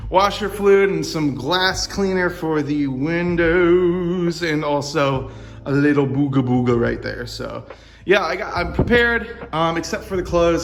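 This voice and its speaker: A man from Ohio giving a casual, upbeat vlog walkthrough, his voice ringing with a reverberant garage echo. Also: on the high side. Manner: upbeat, rambling, excitable. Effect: echoey reverberant garage sound. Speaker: vlogger and podcaster. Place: home garage.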